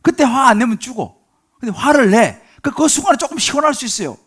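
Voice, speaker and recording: A man's voice: very high voice, big pitch swings, quick pace, fairly bright tone, breathy edge. A male pastor preaching a sermon, dramatically acting out pleading prayers and dropping to whispers for emphasis. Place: church sanctuary.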